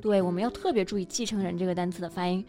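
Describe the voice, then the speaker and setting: A woman's voice: lowish voice, steady tone, rapid-fire, warm tone. A woman co-hosting a bilingual language lesson, affirming points and adding example sentences. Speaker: co-host and English teacher. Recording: faint music underneath.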